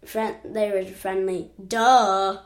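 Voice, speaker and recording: A woman's voice: medium pitch, little pitch movement, slow. A woman voicing a chatty eight-year-old child who keeps correcting itself while telling an adventure. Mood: rambling. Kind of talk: storybook narration.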